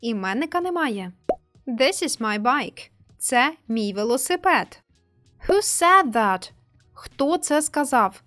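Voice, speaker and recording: Slow, higher-voiced woman teaching English. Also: animated, fairly bright tone, faint music behind. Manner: slow, careful pronunciation drills. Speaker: English teacher, channel host. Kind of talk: scripted language lesson.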